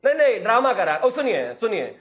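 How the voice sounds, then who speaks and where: A man speaking as a party spokesperson in a heated TV debate, loud and mocking, talking over his opponent. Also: sits high, big pitch swings, fast talker, phone-quality sound.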